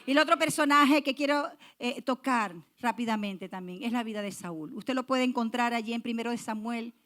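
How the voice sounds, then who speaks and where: A woman's voice: a little high, moderate pace, a bit bright. A woman pastor preaching a sermon, emphatic, repeating key phrases and speaking straight to the congregation. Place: church.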